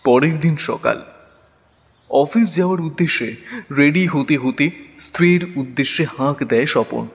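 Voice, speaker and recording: A man's voice: on the high side, vocal fry. Reverberant male drama narrator. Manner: measured storytelling.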